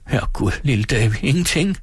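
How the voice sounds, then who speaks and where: A man's voice: medium pitch, lively intonation, slightly rough, dry recording, studio quality, voice pushed up. A man doing a flustered, kindly old servant woman. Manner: breathless, fussy and soothing. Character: flustered, kind-hearted female servant, middle-aged.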